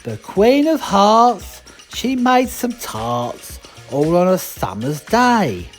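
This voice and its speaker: A woman voicing a storybook rabbit herald, reciting in a drawn-out, declamatory way. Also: medium pitch, very animated, faint music behind. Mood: declaiming. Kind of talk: storybook character reading.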